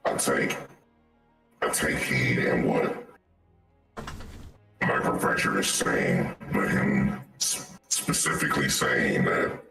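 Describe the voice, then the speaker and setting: Very deep, gravelly man in an echoey room. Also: takes it slowly, long pauses, pushed and bright, soft background music. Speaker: player. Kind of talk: in-character tabletop play.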